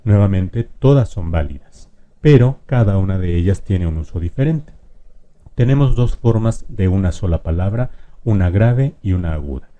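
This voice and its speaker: A man explaining spelling rules in a lesson, patiently addressing the viewer directly and drawing out example words slowly. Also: low voice, expressive, dark tone, dull audio. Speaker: language teacher.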